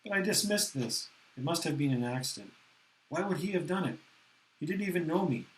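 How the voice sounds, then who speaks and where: A man narrating a novel aloud in the first person, with a steady, earnest reading manner. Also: on the high side, brisk, rough recording.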